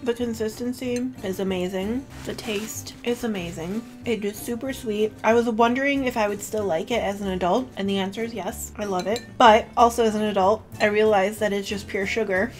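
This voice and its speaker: A woman's voice: mid-range voice, brisk, soft background music. A young woman vlogging casually to camera, chatty and full of "like", emotional and close to tears. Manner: chatty, with filler "like" and self-corrections. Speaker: beauty vlogger.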